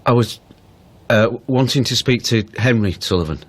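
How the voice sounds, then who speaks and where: A male actor with a natural, mid-range voice plays a prickly, defensive son who is easily agitated in a naturalistic radio drama. He sounds nervous and halts at times.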